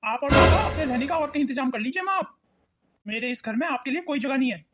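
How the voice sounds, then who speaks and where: A woman's voice: high voice, animated, fast, loud music behind the voice. A woman voicing a grown son in a cartoon, coldly firm toward his mother. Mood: angry. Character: cold grown son siding with wife. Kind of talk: cartoon voice acting.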